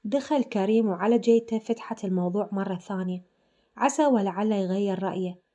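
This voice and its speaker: A woman with an Iraqi Arabic accent narrates a family story in a casual, chatty way. She talks straight to her listeners as she goes. Her voice is mellow and soft. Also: mid-range voice, brisk, highs cut off. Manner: chatty, addresses listeners directly.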